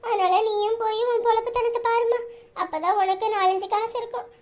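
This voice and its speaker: A young wife in a comedy skit, as a woman plays her, muttering grumbles and plots to herself. The voice sits very high and thin. It is a home-made sketch with a plain sound. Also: steady tone, a little fast, a little mellow. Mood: pleading.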